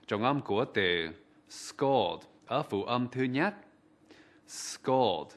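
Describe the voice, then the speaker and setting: A man presenting a TV English vocabulary lesson, pronouncing words slowly and formally for viewers to repeat. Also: medium pitch, animated. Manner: slow, formal, deliberate enunciation. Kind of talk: scripted pronunciation drill.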